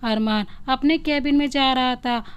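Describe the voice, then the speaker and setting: Clear-voiced woman storyteller. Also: high-pitched, a little slow. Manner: plain reading, announcing each speaker's name. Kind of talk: scripted story narration.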